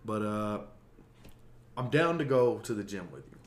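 A man's voice: on the low side, expressive, unhurried. A young man hosting a podcast, chatting casually and animatedly, swearing and laughing often. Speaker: podcast host. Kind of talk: casual chat. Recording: echoey room with faint noise.

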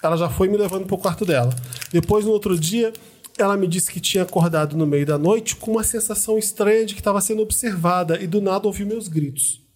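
A Brazilian man with a notably high voice reads a listener's ghost story aloud on a podcast. He takes it slowly and dramatically, building the tension line by line. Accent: Brazilian Portuguese. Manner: reads letters in a measured, dramatic way. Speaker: podcast host. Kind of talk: reading listener stories aloud.

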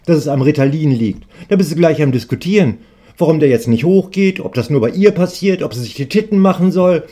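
Brief: a man doing a high, whiny young male student in his twenties, loud and oversharing, lively swoops. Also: moderate pace. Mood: complaining.

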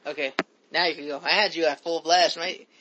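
High-voiced man rambling casually. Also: fairly even intonation, a little fast, highs cut off, noisy background. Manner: rambling, stammering restarts, laughs. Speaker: host. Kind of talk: casual chat.

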